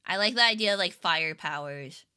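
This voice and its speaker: Bright, giggly young woman streamer. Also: lowish voice, animated, moderate pace, clear, resonant tone. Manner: rambling and giggly, with lots of fillers. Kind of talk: casual livestream chat with viewers.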